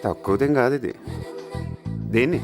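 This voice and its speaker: A man's voice: mid-range voice, moderate pace, music in the background, close to an everyday voice. An actor playing a man who mocks and scolds others, with a Telugu accent. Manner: mocking, scolding. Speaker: comic film character. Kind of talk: Telugu film comedy acting.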